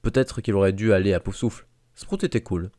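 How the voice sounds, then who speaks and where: Guy narrating a fan audiobook, low voice, steady, super dry sound. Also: fairly quick, dry recording. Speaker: audiobook reader.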